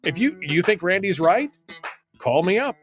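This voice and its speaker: An American man hosts an opinionated call-in radio show, talking bluntly and emphatically and repeating points for stress. His voice is high-pitched with big pitch swings and a moderate pace. Faint music plays in the background.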